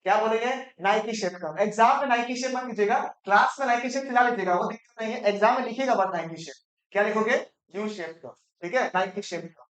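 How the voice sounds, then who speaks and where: A man's voice: high voice, a bit bright. Male teacher, teasing, quizzing the class, roomy classroom echo. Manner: asks the class quick questions, mixes Hindi and English; playful, teasing students. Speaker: economics teacher. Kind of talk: classroom lecture. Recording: echoey classroom.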